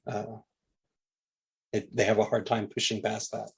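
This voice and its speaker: A man's voice: lowish voice, level tone, unhurried, vocal fry, slightly rough. A middle-aged man, a linguistics professor, answering interview questions in a thoughtful, conversational way with frequent fillers and restarts.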